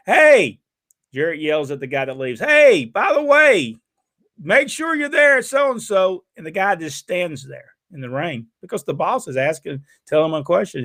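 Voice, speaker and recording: An older man with a drawl spins rambling, folksy stories, leaning on plenty of "uh"s as he goes. His voice is captured up close and dry, with no room echo at all. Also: mid-range voice. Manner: folksy storytelling with frequent uh fillers. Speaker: podcast host reading viewer questions. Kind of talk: casual chat.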